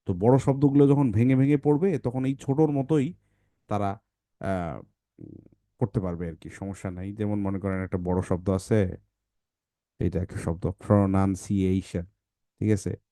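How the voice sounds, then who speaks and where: A man with a fairly low, mellow voice teaches phonics. He explains the method to parents step by step and keeps checking that they follow. The recording is close and dry. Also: fairly even intonation, moderate pace, long pauses, no room sound. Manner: explanatory, checks in often with short questions.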